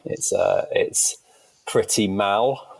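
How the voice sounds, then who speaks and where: A man hosts a relaxed podcast chat, teasing and laughing easily as he runs a little quiz. His voice swings lively up and down. The sound is close and dry. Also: on the low side, takes it slowly, gravelly, slightly rough, dry recording. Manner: chatty, laughs often, quizzing playfully. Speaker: podcast host. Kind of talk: casual chat.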